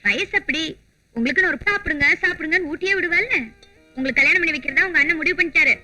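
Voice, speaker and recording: Playful sister-in-law, high bright voice, quick talk, faint music. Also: female voice, heavily acted. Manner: playful, teasing. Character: teasing young sister-in-law.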